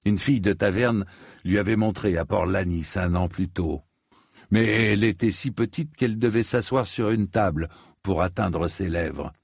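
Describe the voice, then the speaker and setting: A man narrating a fantasy audiobook in a measured storytelling manner. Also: deep voice, a little mellow, breathy edge, dry recording, studio quality. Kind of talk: scripted narration.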